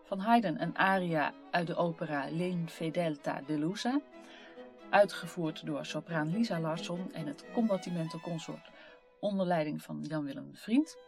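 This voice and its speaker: Lady reading the outro credits, lowish voice, violin music clearly playing behind. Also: moderate pace, a little mellow. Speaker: podcast announcer reading the closing credits. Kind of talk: scripted narration.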